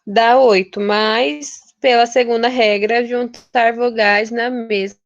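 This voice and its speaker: A woman's voice: a little high, fairly even intonation, slow, no echo. Chatty young woman teaching literature. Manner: chatty, informal, stumbles and restarts words. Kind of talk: casual recorded lesson. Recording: dull, lo-fi and dry.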